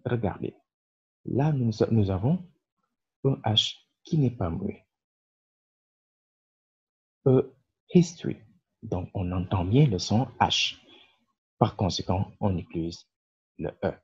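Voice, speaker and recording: A man with a low, mellow, slightly rough voice, the channel's creator, patiently explains English articles in a French-language grammar lesson, using frequent fillers. The recording sounds dull and lo-fi.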